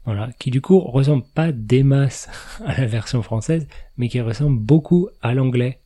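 A man's voice: mid-range voice, moderate pace, mellow. A man hosting a podcast in a casual, explanatory chat, laughing now and then at his own remarks. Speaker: podcast host.

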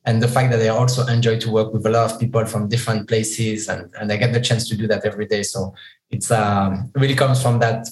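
French-accented man, thoughtful, echoey room. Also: fairly low pitch. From southeast France. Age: 40s. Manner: thoughtful, hesitant with many fillers and restarts. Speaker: guest, e-commerce executive. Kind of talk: casual interview chat.

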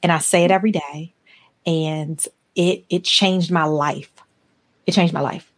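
A woman's voice: deep voice, fairly even intonation, a little slow. A woman in her forties hosting a podcast interview, telling personal stories in an earnest, emphatic way. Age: 40s. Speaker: podcast host. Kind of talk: conversational interview.

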